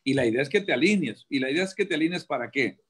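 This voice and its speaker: A man's voice: fairly high pitch, expressive, racing, husky. A man, a prison preacher, talking through his faith on a radio show with many rhetorical questions and restarts. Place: radio studio.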